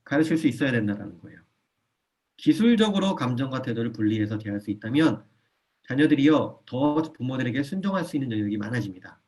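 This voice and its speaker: In a church hall, a man with a fast, mid-range voice lectures a parenting class. He's energetic and animated, makes sure the audience is following, repeats key points and often acts out a parent's lines in a soft voice.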